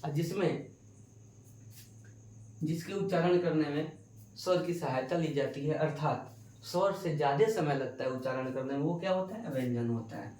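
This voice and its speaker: Male teacher, mellow low-key tone, self-answering quiz delivery, distant echoey room sound. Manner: asks questions and answers them himself, repeats key words slowly. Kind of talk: exam-prep grammar lesson.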